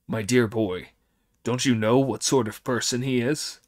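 A man's voice: mid-range voice, steady tone, measured pace, natural voice. A man doing a wily monkey king playing an old demon. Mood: sly.

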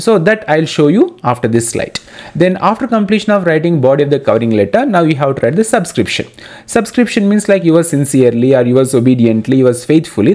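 A man walks students through an exam-prep lesson, explaining each step and repeating the key points. His pitch sits a little high and swings widely as he stresses words. He speaks directly to his listeners while moving through slides. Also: a little mellow. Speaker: English teacher.

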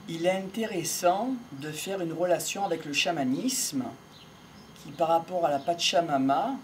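An older man speaking slowly and reflectively to camera with a handheld mic, seated outdoors in a country field, with faint birdsong behind. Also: fairly high pitch, slight background noise. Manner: measured, pausing often, philosophical. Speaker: speaker on voice and communication. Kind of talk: slow reflective monologue to camera. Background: faint outdoor ambience with birds.

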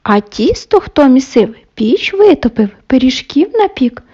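A woman voicing a patient, hardworking little male rooster in a bedtime story, calling out loud and high. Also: very animated, measured pace, husky, highs cut off, full character voice. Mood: stern.

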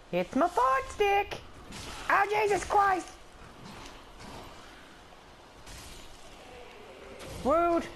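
A man's voice: on the high side, a little hiss or hum. A man voicing a skittish, whiny little male adventurer in let's play commentary, rambling and stammering, yelping whenever something attacks. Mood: grumbling. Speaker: gameplay commentator.

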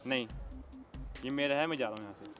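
A man's voice: mid-range voice, quick pace, over music. A young man on a city street, firmly and defensively refusing a stranger. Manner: firm, annoyed, defensive. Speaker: prank target. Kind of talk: casual street argument.

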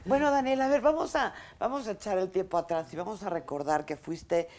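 A woman's voice: mid-range voice, brisk, darkish tone. A middle-aged woman hosting an interview show in a small studio, welcoming viewers and guiding the conversation with questions. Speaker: talk show host. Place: small indoor studio set, seated in armchair.

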